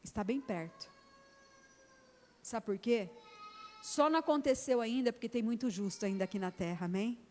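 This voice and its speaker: A woman's voice: fairly high pitch, fairly quick, dark tone. A middle-aged Brazilian woman pastor preaching an emphatic sermon in a church, acting out conversations with her daughter. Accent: Brazilian Portuguese. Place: church hall. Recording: long church reverb.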